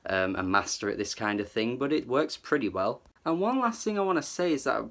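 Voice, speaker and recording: A man's voice: medium pitch, very animated, fairly quick, a bit bright. A man giving a casual, enthusiastic album review, full of "like" and "kind of" as he talks it through. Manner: chatty, filler-heavy, hedging with "like" and "kind of". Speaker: music reviewer.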